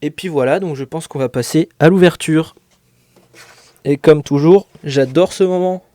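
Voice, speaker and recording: A LEGO reviewer gives a casual unboxing commentary, hesitant and full of fillers, tossing in a joke now and then. His voice is a little high and dark in tone, at a moderate pace.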